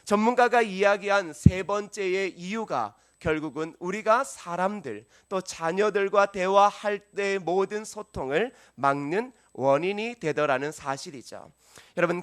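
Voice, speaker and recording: A man's voice: high-pitched, a bit bright. A male pastor preaching a sermon to his congregation, earnest, often turning to them with questions. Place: church sanctuary.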